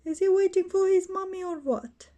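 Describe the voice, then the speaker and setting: A woman narrating her toy play for children in a slow, musing way. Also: very high-pitched, mellow. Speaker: toy video host.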